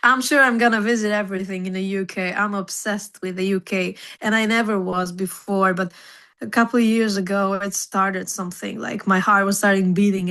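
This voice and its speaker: A woman's voice: mid-range voice, fairly bright tone. A young woman from Serbia, a singer being interviewed, talks in loose, chatty fashion. She fills her speech with "like" and "you know" and breaks into laughter easily. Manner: chatty, laughs often, many fillers. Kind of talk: casual interview chat.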